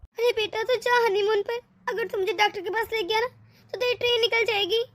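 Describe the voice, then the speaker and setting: A woman's voice: extremely high pitch, steady tone, brisk, a bit bright. A woman voicing a domineering, scheming middle-aged mother-in-law in a cartoon, scolding and sarcastic. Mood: fake pained. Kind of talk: animated cartoon voice acting.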